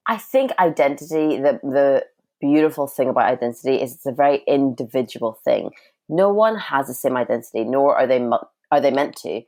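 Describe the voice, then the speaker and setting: Her voice is very deep, expressive, brisk, and a little mellow. She is a Sudan-born writer and filmmaker in her thirties, raised in Northern Ireland and Scotland, with an international accent blending both. As an interview guest she talks casually and freely, laughing often and describing herself as a talker.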